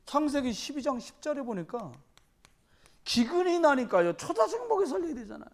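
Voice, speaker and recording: A man preaching a sermon, retelling Bible stories and slipping into the voices of their characters. His voice sits high for a man. It swings widely in pitch as he tells each story. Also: moderate pace. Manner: animated storytelling, acting out Bible characters in dialogue. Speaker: pastor.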